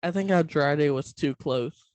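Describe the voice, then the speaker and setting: A man co-hosting a podcast who answers in short, terse bursts. He talks slowly, and his voice is recorded close and dry with no room sound. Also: on the high side, a little mellow, dry recording, rough recording. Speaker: podcast co-host. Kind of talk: casual chat.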